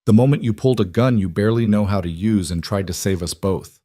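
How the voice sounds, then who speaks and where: A man voicing a possessive, wounded male mafia boss who speaks quietly and intensely. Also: lowish voice, fast, no room sound, studio quality, close to an everyday voice.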